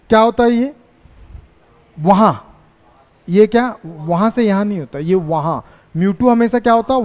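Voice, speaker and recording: A man teaching physics in a classroom, dictating English notes in a Hindi accent, slow and repetitive, and teasing his students with scolds. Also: high voice, darkish tone, big-room sound. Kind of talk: classroom lecture at a board.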